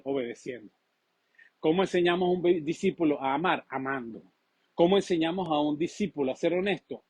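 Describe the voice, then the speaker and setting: Husky-voiced man preaching a sermon. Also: a little high, no room sound. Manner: animated preaching, acts out quoted voices. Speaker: pastor.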